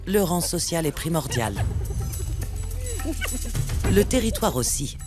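A man narrates a nature documentary in a fairly high voice. His scripted delivery is measured and told like a dramatic story. Music plays clearly underneath him. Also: very animated. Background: background music, animal sounds.

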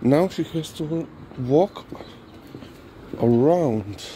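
Slow, mellow man. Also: a little high, lively intonation. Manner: slow, chatty, talks to his dog between remarks. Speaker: dog owner vlogger. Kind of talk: casual walking commentary. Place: city streets at night, outdoors. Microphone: handheld phone camera filming while walking. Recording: faint street and traffic noise.

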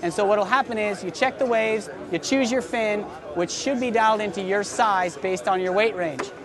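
A man's voice: high voice, crowd noise. Upbeat young man demoing at a trade show. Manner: enthusiastic, salesy, quick-talking. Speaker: surf shop host. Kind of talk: trade show product demo. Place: busy indoor expo hall booth.

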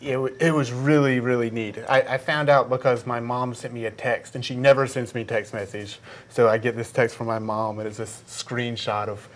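A man's voice: medium pitch, little pitch movement, moderate pace, hardly any pauses. A man in his forties chatting casually as an interview guest, often restarting his phrases, recorded on a lapel mic in a studio. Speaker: game creator, interview guest. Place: small indoor video studio. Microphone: clip-on lapel mic.

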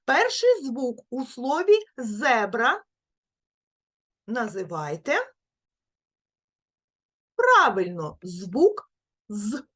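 A woman teaching a speech-sound lesson to small children, praising them and repeating each word slowly and clearly. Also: a little high, very animated, a bit bright. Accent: Ukrainian. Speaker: preschool teacher.

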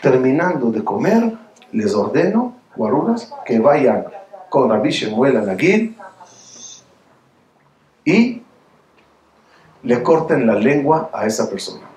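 A man rabbi giving a storytelling sermon, lively and full of repeated rhetorical questions. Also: medium pitch, slow pace, pauses often, echoey room.

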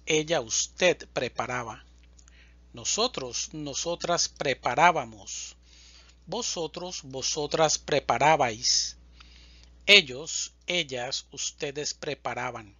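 Slow, bright-voiced man drilling verbs. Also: a little high, husky, no echo, muffled recording. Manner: deliberate, evenly spaced reading of word lists. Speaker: Spanish teacher. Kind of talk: slow drilled verb conjugation lesson.

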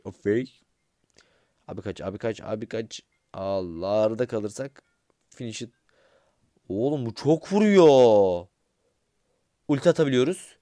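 Young man, gaming commentary, excitable, grumbling, mid-pitched voice, dry close sound. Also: dry recording. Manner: excitable, grumbling, swears under his breath; talks straight to his viewers. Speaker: gaming YouTuber. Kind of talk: casual gameplay commentary.

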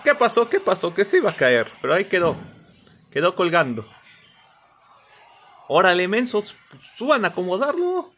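A man giving comedic reaction commentary on video clips, teasing and animated. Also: on the high side, a little hiss or hum. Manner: animated, mocking, bursts into shouts and laughter.

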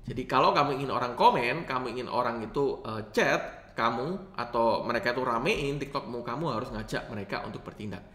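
A young man hosting a casual tutorial, talking with lively rise and fall and often turning to his viewers. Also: mid-range voice, brisk. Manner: lively rising and falling intonation, addresses viewers often. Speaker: host of a channel teaching live streaming. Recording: roomy echo.

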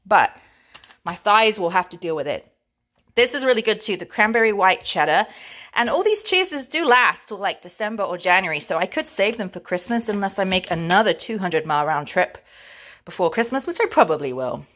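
In this grocery haul show-and-tell, a vlogger from England with an English accent talks playfully about her purchases and relishes every item. She sounds animated and a bit bright, with a mid-range voice at a normal speed.

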